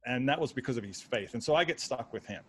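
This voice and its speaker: A man's voice: medium pitch, animated, quick pace, a little hiss or hum. A man with an Australian accent telling his story casually as an interview guest, rambling and repeating words as he goes. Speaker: guest, online pastor.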